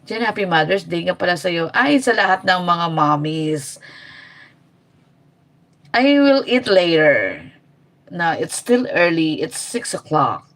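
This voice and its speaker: A woman's voice: lowish voice, unhurried, few pauses, a bit bright. Sassy, chatty woman on a livestream. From Philippines. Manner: chatty, mixing Tagalog and English; sassy and teasing. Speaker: livestream host. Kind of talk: casual live-stream chat.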